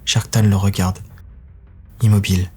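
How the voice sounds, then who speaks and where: A man narrating a dark science-fiction audio story in a grave, intense manner. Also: fairly low pitch, flat delivery, unhurried, faint music behind.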